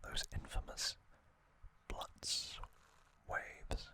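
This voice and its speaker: In short, paused phrases, a male ASMR host whispers trivia and reads passages aloud. His delivery is soft, breathy, and unhurried.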